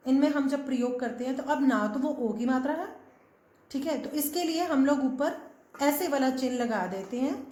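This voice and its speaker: A woman's high, slightly mellow voice carries a roomy sound as she teaches a classroom-style Hindi grammar lesson. Patiently, she sounds out letters individually, and English words keep appearing in her explanations.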